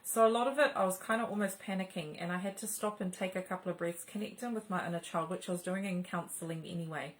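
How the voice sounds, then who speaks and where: A woman's voice: lowish voice, steady tone, fast talker, few pauses, rough recording. A middle-aged woman hosting a spiritual channel, talking casually and rambling with many fillers and restarts.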